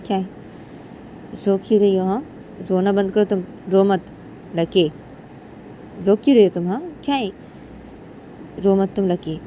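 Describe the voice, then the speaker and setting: A woman puts on a young man coaxing his partner to stop crying, soft and repeating himself, at times rising high. The tone is warm and low in brightness. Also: unhurried, pauses often, a little hiss or hum, lightly acted. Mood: soothing. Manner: soothing, coaxing.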